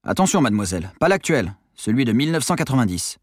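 Man doing an insistent police commissioner, commanding, animated, audiobook, dry. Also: mid-range voice, quick pace, slightly rough, no echo. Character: impatient, stubborn male police commissioner.

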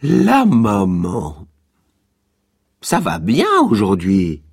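A man voicing a jovial middle-aged doctor who talks in a hearty, booming, bantering way. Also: wildly swooping pitch, extremely slow, vocal fry, a little mellow, husky, full character voice.

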